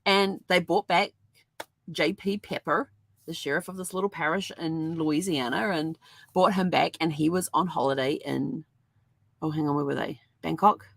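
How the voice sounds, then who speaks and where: Woman host, deep with some vocal fry, rambling casual storyteller. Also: moderate pace, a bit bright. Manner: rambling, chatty storytelling with many fillers. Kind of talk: casual chat.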